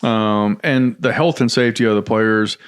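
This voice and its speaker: A man's voice: fairly low pitch, steady tone, moderate pace, clean tone. A middle-aged man from Tennessee, a guest on a podcast, telling rambling stories about his past work with many restarts and fillers. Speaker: guest, former football general manager. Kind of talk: casual storytelling interview.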